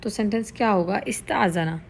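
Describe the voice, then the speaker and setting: Slightly rough and mid-range, this woman's voice patiently walks through Arabic vocabulary. She explains every word slowly in a blend of Urdu and English, then says it again.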